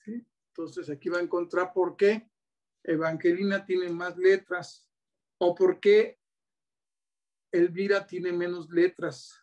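Man, Mexican Spanish accent, high voice, patient teacher demo. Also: level tone, slow, pauses often, a little mellow, muffled recording. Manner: patient, asks many rhetorical checks. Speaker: teacher presenting teaching materials. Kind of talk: classroom-style demonstration.

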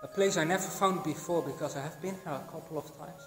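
A young Belgian man with a camera explores an abandoned building, its halls and attic echoing, narrating his vlog casually in an excited, hushed way with frequent fillers. His voice is a little high and fast, with music in the background, recorded on a handheld or body-worn action camera.

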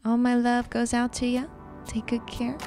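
A woman artist and teacher giving a calm, reflective talk over an art demonstration, soft and unhurried with fillers. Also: a little high, over music.

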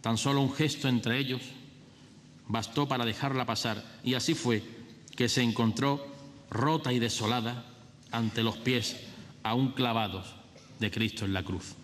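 A man's voice: mid-range voice, steady tone, measured pace, long pauses, fairly bright tone. A middle-aged man declaims religious verse as a festival orator, solemn and theatrical, like a proclaiming herald. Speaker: festival orator giving a Holy Week proclamation. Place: large theatre stage. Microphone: lectern microphone. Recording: echoey theatre hall, noticeable hiss.

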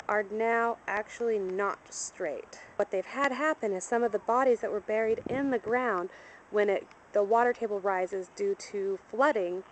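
A woman gives a walking-tour commentary outdoors, pointing things out as she strolls through a cemetery. Her voice sits at an ordinary pitch, picked up by a handheld camera mic. A faint outdoor ambience hums underneath. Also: a little hiss or hum, poor audio. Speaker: travel vlogger. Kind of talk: on-location guided tour narration.

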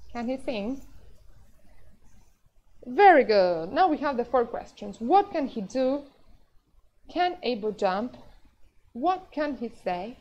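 A woman's voice: on the high side, darkish tone. A woman teaching English in a live online class, moving between English and Spanish, patient and explaining step by step with frequent "yes?" check-ins. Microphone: video call. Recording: dull, lo-fi online class audio.

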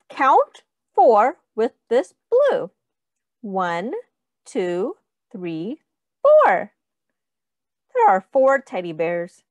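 In a fairly high but darkish voice with no echo, a woman teacher reads a picture book to young children. She is sing-song, deliberate, and instructive, counting along and posing questions.

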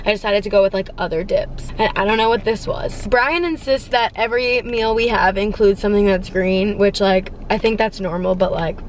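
A woman's voice: mid-range voice, moderate pace, few pauses, slight background noise. A young woman vlogger in bubbly, casual chat, talking to a dashboard camera from a parked car. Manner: bubbly, chatty, animated hand gestures. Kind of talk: casual grocery haul chat.

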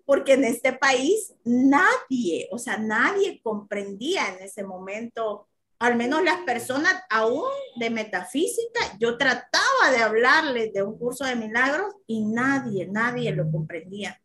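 A woman's voice: a little high, sing-song, a little slow, fairly bright tone, a little hiss or hum. A woman with a Central American Spanish accent, a course teacher sharing her personal story earnestly in an interview, laughing readily.

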